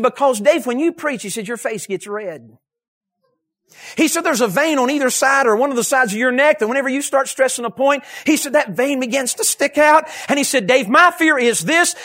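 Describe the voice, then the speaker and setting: Fervent high-voiced preacher man. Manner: fervent, swelling to shouted emphasis. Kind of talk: sermon to young people.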